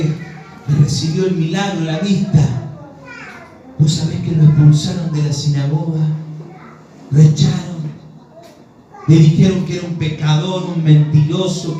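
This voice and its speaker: A man's voice: on the high side, warm tone. A middle-aged man with a Rioplatense Spanish accent preaching a sermon with passion, acting out Bible dialogue in shifting voices. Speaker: pastor. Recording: very echoey hall, distant mic, faint noise.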